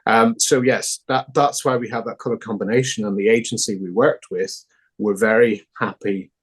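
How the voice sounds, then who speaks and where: Thoughtful and full of fillers and restarts, a Northern Irish founding director works through interview questions. He speaks at a moderate pace in a slightly rough, lower voice with a steady tone.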